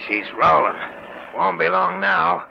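Gravelly, excitable gangster henchman. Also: high-pitched, takes it slowly, exaggerated voice. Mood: gloating. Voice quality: gravelly, creaky. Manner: slangy tough-guy talk. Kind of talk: old-time radio crime drama acting. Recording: noisy, dull old radio recording.

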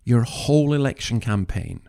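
A man's voice: mid-range voice, expressive, normal speed, vocal fry, mellow. A man hosting an opinionated commentary, speaking in an earnest, emphatic, moralising way with rhetorical questions. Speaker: commentary podcast host.

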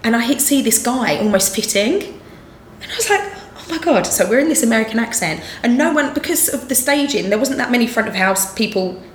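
A woman's voice: fairly high pitch, lively intonation, a little fast, hardly any pauses. Giggly woman with an Essex accent. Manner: chatty, giggly storyteller. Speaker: musical theatre performer. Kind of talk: casual interview chat. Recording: roomy echo, faint noise.

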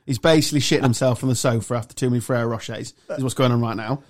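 A man's voice: medium pitch, steady tone, rapid-fire, darkish tone. An English man bantering in a casual chat, joking, swearing and defending himself against teasing. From England.

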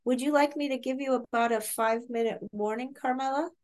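Soft-spoken woman chairing a meeting. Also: high-pitched, steady tone, fairly quick. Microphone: video call.

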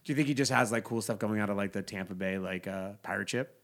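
A man's voice: fairly low pitch, fast. A young man hosting a podcast, giving casual, conversational commentary. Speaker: podcast host.

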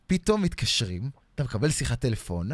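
A man's voice: medium pitch, no echo. A man co-hosting a podcast, telling a story in casual chat and acting out the other people in it. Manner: animated, acts out shouting voices in his story. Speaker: podcast co-host.

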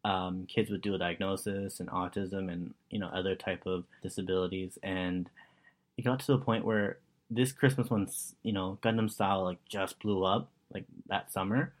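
A man in his thirties with a very low voice, telling animated stories in a casual conversation. He often breaks into laughter as he makes his point. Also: moderate pace. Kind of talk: casual storytelling.

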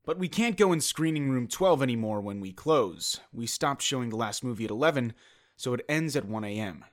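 A man's voice: mid-range voice, animated, fairly quick, close to an everyday voice. An actor playing a caller, a young movie theater worker, telling his story plainly and a bit hesitantly. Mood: earnest. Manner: plain, matter-of-fact, hesitant.

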